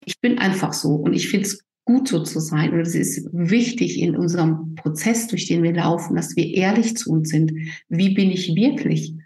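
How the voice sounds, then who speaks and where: A woman's voice: fairly low pitch, moderate pace, warm tone, roomy sound, rough recording. A woman coach talking emphatically in a casual interview, often ending her points with a tag question.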